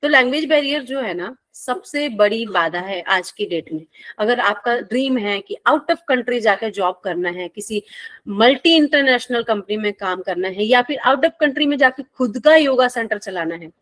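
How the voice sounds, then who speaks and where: A woman's voice: fairly high pitch, lively intonation, moderate pace, fairly bright tone, no echo. A woman teacher, giving a friendly, playful lecture and asking her students questions as she goes. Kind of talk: classroom lecture.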